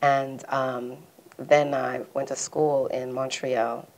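A woman's voice: extremely low pitch, level tone, slow. A young adult woman from Congo, a salon founder, chatting in an interview on a studio couch, with lots of ums and laughs. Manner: chatty, many "um"s and "you know"s, laughs easily. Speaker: salon founder, hair stylist. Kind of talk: casual interview answers. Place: studio set with red walls and leather sofa.

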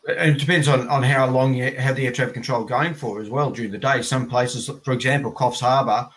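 Appearing as an interview guest on a video call in a plain indoor room, this Australian air traffic controller in his fifties gives conversational explanations. He speaks briskly, with a medium pitch, a steady tone, and a slightly bright quality.

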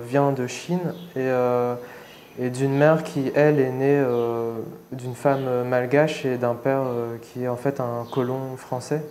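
A young man from Réunion gives a personal testimony in an interview, talking shyly and hesitantly with many pauses and restarts. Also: mid-range voice, a little mellow, slight background noise. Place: seated indoors against a plain wall.

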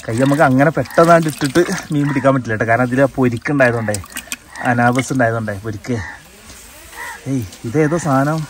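A quick, chatty man in his thirties with a Kerala accent talks outdoors into a handheld phone camera. He explains everything to his viewers in a casual, running commentary. Faint noise sits behind his voice. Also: mid-range voice. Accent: Malayalam, Kerala. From Kerala, India. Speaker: fishing vlogger. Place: outdoors in paddy fields and a yard. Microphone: phone camera held by the speaker.

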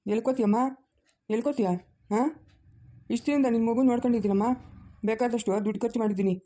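A woman's voice: a little high, fairly even intonation, fast talker, dark tone, natural voice. A woman playing a greedy, harsh village uncle who nags and scolds. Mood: demanding. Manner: scolding, nagging with repeated "ha?". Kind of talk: family drama acting.

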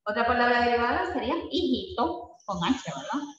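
A man's voice: extremely high pitch, expressive, a little fast, fairly bright tone. A man teaching a spelling lesson to a class, patient and checking in with frequent tag questions. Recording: echoey classroom, far from the mic, dull.

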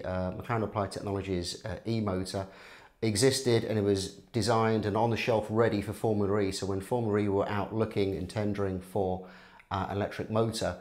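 A middle-aged man, a motorsport technical analyst, explaining engineering to camera in a measured way with frequent "uh" fillers, recorded on a lapel mic in an indoor studio. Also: lowish voice.

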